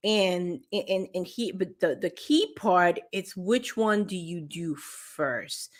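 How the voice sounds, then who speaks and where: Slow, earnest woman talking to camera. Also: lowish voice. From grew up partly in Peru. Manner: earnest, with many restarts and fillers. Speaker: vlogger sharing motivation tips. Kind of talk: casual talk to camera.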